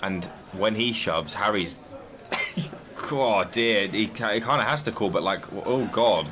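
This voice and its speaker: A man's voice: lowish voice, lively intonation, unhurried. A man giving live, casual commentary on a poker tournament as one of the commentators. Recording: crowd murmur behind the voice.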